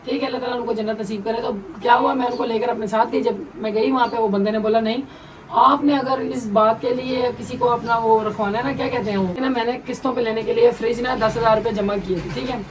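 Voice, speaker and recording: A woman vlogger tells a family story in quick, chatty bursts, leaning on little asides like "you know". Her voice sits a bit high and comes from some way off the mic. A clear layer of household noise runs behind her. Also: steady tone. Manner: chatty, emotional, fillers like "है ना". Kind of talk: casual storytelling to viewers. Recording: distant mic with background noise.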